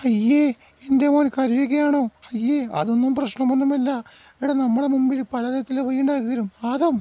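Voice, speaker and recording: A woman voicing a caring mother who gently reassures her grown son, in an amateur dub of a game short film. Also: high-pitched, steady tone, fairly quick, no echo, lo-fi sound. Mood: soothing. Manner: tender and reassuring.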